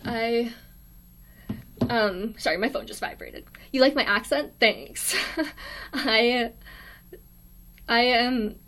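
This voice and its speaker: A shy, quiet young woman with an American accent, chatting casually on a livestream from her dorm room, reading viewer comments aloud with lots of ums and little laughs. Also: fairly high pitch, slow pace, long pauses, slight background noise. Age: young adult. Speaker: livestream host.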